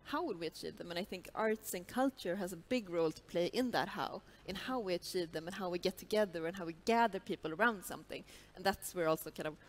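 A woman's voice: fairly low pitch, fast, hardly any pauses. A woman panelist on a large stage, speaking thoughtfully with a headset mic and many fillers like "kind of". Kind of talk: panel discussion.

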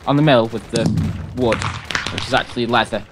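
A man hosts a gaming video, chatting casually with another player over voice chat while commenting on the game. His voice is medium in pitch and a little fast, captured through a voice chat call with a noisy background.

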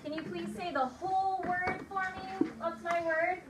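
A woman teacher leading a phonics dictation lesson, modeling each word slowly sound by sound and giving clear, encouraging prompts to the children. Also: very high voice, level tone. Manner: slow, sound-by-sound modeling of words. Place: classroom. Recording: echoey room, distant mic, loud hiss.

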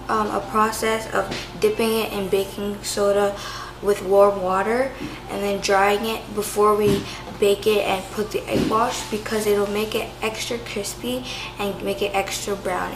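Slow, chatty woman explaining her baking. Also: mid-range voice, echoey room, low-quality recording. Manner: chatty, loose, full of "like" and "so". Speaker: home cooking vlogger. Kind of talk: casual step-by-step cooking demonstration. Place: home kitchen countertop, indoors.

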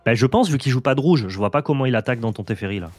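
A man's voice: medium pitch, lively intonation, rapid-fire, a little mellow, no room sound, studio quality, soft background music. A man co-hosting a card game video, coaching the player and explaining plays patiently in casual chat. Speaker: co-host advising the player.

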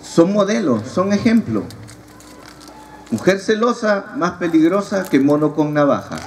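A man's voice: high voice, expressive, measured pace. A man giving a humorous preaching talk at a youth retreat and teasing his audience. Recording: distant mic, audible crowd, noisy.

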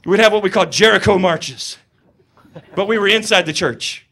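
A male pastor delivers a sermon in a chatty, storytelling way, sprinkling in humor. His voice sits notably high for a man, and he keeps it lively and conversational throughout. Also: moderate pace.

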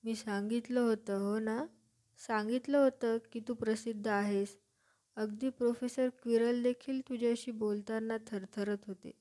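A woman voicing a huge, good-natured giant of a man with a loud, homely way of talking. He speaks plainly and fondly, and the voice stays fairly high. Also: fairly even intonation, unhurried, lightly acted. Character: huge gruff kindly male gamekeeper.

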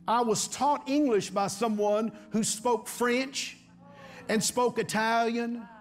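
A middle-aged man preaching a sermon to his congregation, repeating his phrases and calling for amens. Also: very high-pitched. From Texas. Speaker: pastor. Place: large church stage before a congregation.

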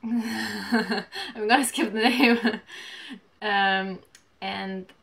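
A woman in her twenties chatting casually while opening mail at home, gushing and reading letters aloud haltingly. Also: medium pitch, gravelly, a bit bright. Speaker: vlogger. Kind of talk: casual unboxing chat. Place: small home room, indoors.

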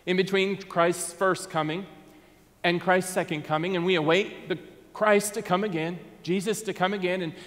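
Man in his 30s, Southern US accent, pastor, earnest sermon, soft hushed drops, fairly high voice, long church reverb. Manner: earnest, drops to a soft hush on key words. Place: church sanctuary, in front of a Christmas tree.

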